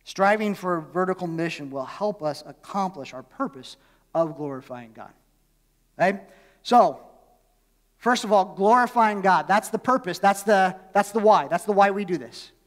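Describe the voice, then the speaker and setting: A man preaching from the pulpit, his voice pitched high for a man. He speaks in a casual, chatty way and keeps asking the congregation questions. The recording has the long, ringing reverb of a large church hall. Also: lively intonation, moderate pace. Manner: conversational, asks the congregation questions. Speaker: pastor. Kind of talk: sermon.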